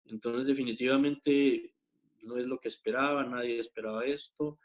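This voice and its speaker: A man at a middling pitch tells of his faith as a deacon, in an earnest, storytelling way. He often hesitates and fills pauses as he goes. The recording sounds a little muffled. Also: fairly even intonation. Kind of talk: personal faith testimony.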